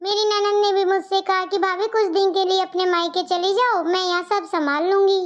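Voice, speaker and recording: A dutiful, caring young daughter-in-law, as a woman puts her on, earnest and a little pleading, very high voiced. The sound is dull and lo-fi. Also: flat delivery, moderate pace. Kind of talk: cartoon story voice acting. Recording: dull lo-fi audio.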